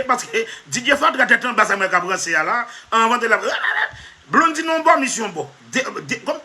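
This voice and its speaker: High, bright animated man. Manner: emphatic, repetitive, keeps addressing "monsieur". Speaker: comedy vlogger. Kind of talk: comic monologue.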